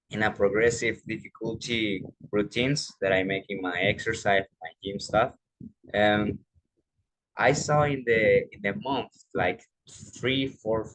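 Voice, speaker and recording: Young male speaker, fairly low voice, earnest and halting, restarts a lot. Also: a bit bright, low-quality recording. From Panama. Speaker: speaker giving a talk. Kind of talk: motivational talk.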